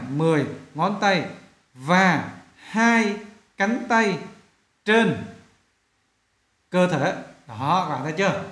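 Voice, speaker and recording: A male English teacher explains sentence rewriting in a classroom lesson, slowing down to read each sentence aloud. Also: high-pitched, fairly bright tone, roomy sound.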